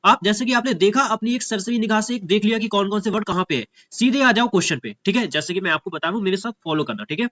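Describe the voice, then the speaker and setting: Casting: young male exam teacher, high-pitched, chatty, repeats "ठीक है?" every line. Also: expressive, a bit bright, dry recording, highs cut off. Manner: keeps asking "ठीक है?" and addresses students as भैया; reads English slowly, spelling words letter by letter. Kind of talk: casual Hindi lecture with English reading.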